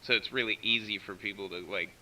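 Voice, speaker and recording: Speaking fast with a low, steady voice, an American man running a CB radio live stream chats informally and walks through technical steps. The feed from the station sounds distant and is very noisy.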